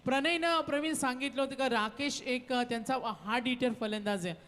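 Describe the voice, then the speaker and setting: A man's voice: very high-pitched, a little fast, fairly bright tone. A man giving live cricket commentary and calling out the score. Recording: long reverb, like a PA system.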